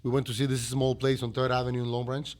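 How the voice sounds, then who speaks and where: A Mexican restaurant owner whose first language is Spanish tells stories animatedly during an interview, speaking with a Mexican accent. His medium-pitched voice stays level and fast as he acts out quotes and restarts phrases.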